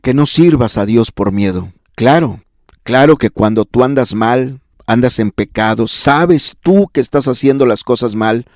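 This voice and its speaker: Predicador fervoroso de voz seca. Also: male voice, lively intonation, a little slow, dry recording, clean studio sound. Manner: fervent preaching with repetition and sudden pitch rises. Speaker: pastor. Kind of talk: sermon. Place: church.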